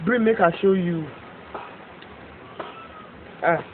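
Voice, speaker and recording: A woman's voice: lowish voice, slow, slight background noise. A woman playing a fed-up Nigerian village woman. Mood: exasperated. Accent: Nigerian Pidgin English. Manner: exasperated, complaining. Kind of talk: film drama acting. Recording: tinny lo-fi audio with loud music.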